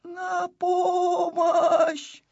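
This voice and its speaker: Man doing a whiny timid little boy, high wailing voice, lively pitch, slightly muffled recording. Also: slow pace, breathy edge, full character voice.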